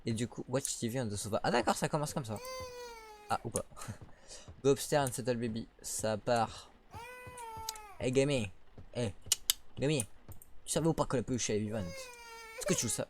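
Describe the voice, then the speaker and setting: A man doing casual let's play commentary on a horror game, excitable, swearing, laughing and yelling at the game. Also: mid-range voice, normal speed, long pauses. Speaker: gamer. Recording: keyboard clicks behind the voice.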